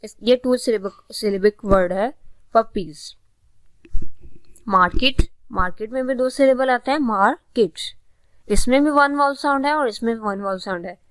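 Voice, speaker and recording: Woman, Pakistani accent, teacher, patient explaining, higher pitch, dry recording. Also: clean tone, no echo. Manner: patient, repeats words slowly and explains twice. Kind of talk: classroom lesson explaining vocabulary.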